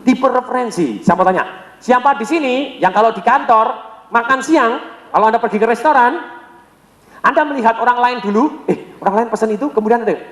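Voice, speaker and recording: A middle-aged man giving an energetic sales seminar to a live audience, calling on them with rhetorical questions and having them finish his sentences. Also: extremely high pitch, fairly quick. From Indonesia. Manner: peppers talk with direct address and rhetorical questions. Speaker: sales trainer. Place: large hall. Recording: echoey hall with long reverb.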